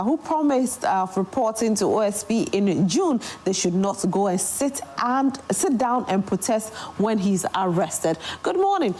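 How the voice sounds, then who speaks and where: A woman's voice: mid-range voice, warm tone, slight background noise. A woman with a Ghanaian accent, working as a morning show host, reading out viewer messages and commenting briefly in a studio. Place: broadcast studio.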